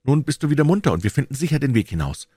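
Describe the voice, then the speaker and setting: A man's voice: medium pitch, very animated, racing, dark tone, breathy edge, no echo, studio quality, pitched above the performer's own voice. A man voicing a brave young boy who comforts a girl, earnest and reassuring.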